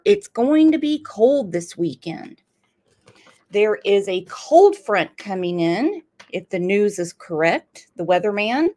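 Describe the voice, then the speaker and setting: A woman's voice: mid-range voice, a little mellow. A middle-aged woman, hosting a live-stream chat in a chatty, playful way and tossing out exclamations. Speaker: host of a live true-crime channel.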